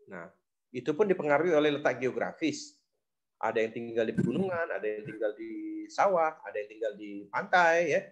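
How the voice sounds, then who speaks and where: A man giving a recorded lecture on logic, explaining step by step with frequent fillers. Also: medium pitch. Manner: explanatory, many fillers like "nah" and "gitu". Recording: dull lo-fi recording.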